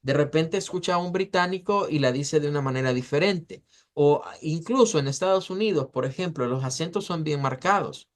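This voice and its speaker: Male teacher drawing words out slowly. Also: on the high side. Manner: explains step by step, slowing to model words syllable by syllable. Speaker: English pronunciation teacher. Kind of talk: online class lecture.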